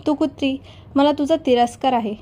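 A woman reading the lines of a teasing, dramatic young bride-to-be in a storybook tale, with a playful voice that is quick to shout. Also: sits high, fairly even intonation, natural voice. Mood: mock outrage.

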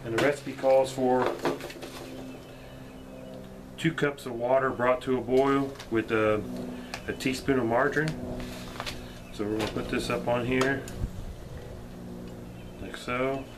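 Speaking at medium pitch in a steady tone, this middle-aged man reviews gear in a relaxed show-and-tell, demonstrating a camping mess kit at a table and later out in his backyard. He talks slowly, pauses often, leans on fillers, and there's noise in the background.

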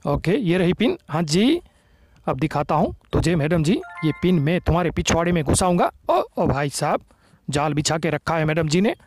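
A young man hosting a gaming channel, giving excited, teasing gameplay commentary full of playful taunts. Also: on the high side, moderate pace.

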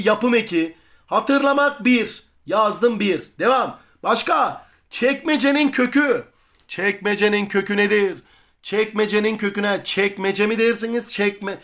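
A man's voice: sits high, a bit bright. A man teaching a grammar lesson for exam prep, quizzing students with repeated questions and answering them himself.

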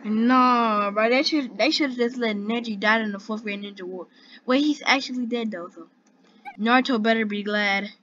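A woman's voice: a little high, normal speed, fairly bright tone. A woman hosting a reaction video with casual commentary. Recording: dull lo-fi audio with background noise.

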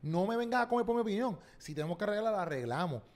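Fast-talking Puerto Rican man, animated storyteller. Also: sits high. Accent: Puerto Rican Spanish. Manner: animated, slangy storytelling, acts out quotes. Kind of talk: casual podcast chat.

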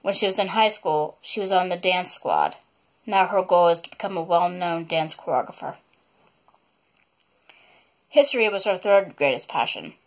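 A woman reads a chapter of her own novel in a plain, unpolished way. She pauses now and then to apologize for stumbles and to add small asides. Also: lowish voice. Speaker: author reading her novel.

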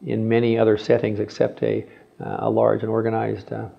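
A man's voice: fairly low pitch, monotone, fairly quick, creaky, muffled recording. A man in his sixties from Canada, a heart surgeon, speaking hesitantly with many fillers in an interview recorded with a lapel mic in a clinic exam room. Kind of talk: profile interview.

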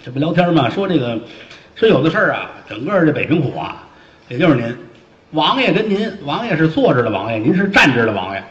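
A man voicing a sly, flattering clerk who coaxes and wheedles. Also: on the high side, fairly quick. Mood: coaxing. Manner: wheedling, ingratiating. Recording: dull, roomy stage recording.

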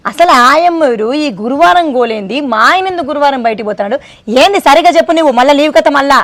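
A woman's voice: high-pitched, animated, fairly bright tone. A woman acting as a suspicious, scolding wife in a comic sketch. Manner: fast, scolding, quick-tempered. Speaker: suspicious wife in a comedy skit.

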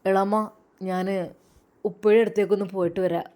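A woman's voice: mid-range voice, fairly even intonation, fairly quick, dark tone, close to an everyday voice. A woman voicing a worried, devout young man who speaks in a rush and prays under his breath. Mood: worried hurried.

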